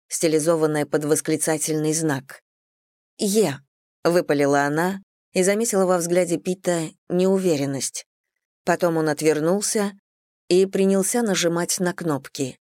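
Steady audiobook narrator, dry close sound. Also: mid-range voice, normal speed, dry recording. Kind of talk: scripted narration of a thriller novel.

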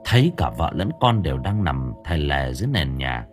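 Lively male audiobook narrator. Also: extremely low pitch, normal speed. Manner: lively storytelling with colloquial humor. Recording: faint music behind.

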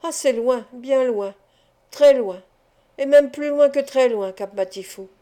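A woman's voice: sits high, unhurried, warm tone. A woman voicing a clever small male street acrobat who speaks in a teasing, sententious way.

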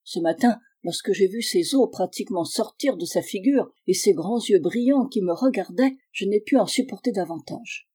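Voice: mid-range voice, expressive, moderate pace, hardly any pauses, dark tone, slightly rough. Un lecteur qui fait parler une vieille logeuse inquiète, d'un ton pressant et suppliant. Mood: anxious. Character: worried elderly landlady, anxious.

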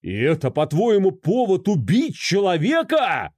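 A man's voice: mid-range voice, wildly swooping pitch, normal speed, mellow, dry recording, clean studio sound. A man playing a shocked husband who turns furious and incredulous. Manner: incredulous, raised voice. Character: shocked angry husband, middle-aged man.

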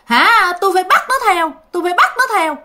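A woman's voice: extremely high pitch, lively intonation, fast, sharp tone, pitched above the performer's own voice, exaggerated voice. A woman voicing an angry male spirit that has possessed a girl, scolding. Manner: scolding, indignant, complaining.

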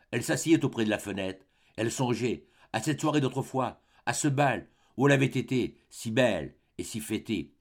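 A man narrating a classic short story as an audiobook, in an expressive, measured way. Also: mid-range voice.

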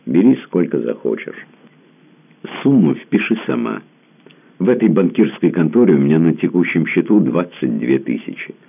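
A man with a very deep, gravelly voice playing an infatuated, jealous gentleman who pleads earnestly, heard through a tinny phone-like line. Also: big pitch swings, normal speed, full character voice. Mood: eager.

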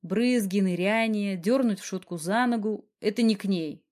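A woman's voice: mid-range voice, normal speed, a little mellow, lightly acted. A woman reading an audiobook and voicing a worried, hot-tempered young man who scolds sharply. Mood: scolding.

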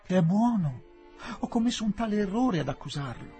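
A man's voice: high voice, lively intonation, a little fast, mellow, faint music behind, voice pushed up. A man voicing an anxious young Englishwoman in a storybook reading, pleading in a raised, breathless voice.

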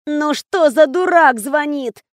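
A young actress friend, grumbling and fussy, with a high bright voice, as a woman reader performs her. Close, dry sound with no echo. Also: lively intonation, unhurried. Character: young actress friend, sleepy then fussing.

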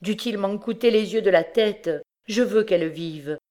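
A woman's voice: mid-range voice, moderate pace, pitched above the performer's own voice, natural voice. A woman voicing a distraught, grieving man, a rich porter who cries out frantically. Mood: tearful. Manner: frantic shouting exclamations.

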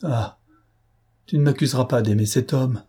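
A man reading an audiobook, voicing a desperate, scheming young noblewoman with a raised, strained pitch. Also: moderate pace, warm tone, slightly rough, lightly acted. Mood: pleading. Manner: pleading then shrill and defiant.

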